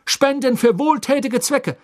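A man voicing a pompous, stubborn male minister who shouts indignantly. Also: very high-pitched, unhurried, no room sound, clean studio sound, voice pushed up.

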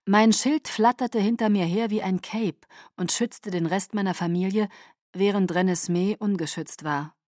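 Calm woman reading a novel, dry sound. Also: mid-range voice, normal speed, no echo. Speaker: audiobook narrator. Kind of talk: first-person scripted narration.

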